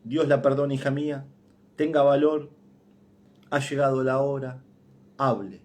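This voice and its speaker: A man with an Argentine accent voicing a priest who speaks softly and solemnly at a deathbed. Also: medium pitch, steady tone, measured pace, close to an everyday voice. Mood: gentle solemn. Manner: soft, solemn, kindly. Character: gentle elderly priest at a deathbed.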